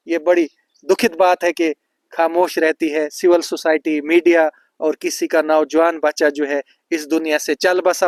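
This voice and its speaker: A male news reporter conducts an interview in a higher register than most men. The recording is dry and close. He asks sharp, leading questions. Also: dry recording.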